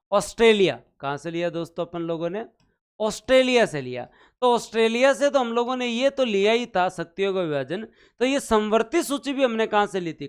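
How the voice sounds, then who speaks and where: Smooth-voiced male teacher quizzing viewers. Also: sits high. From India. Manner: quizzes viewers, repeating questions and chanting numbers. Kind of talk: live online exam-prep lecture.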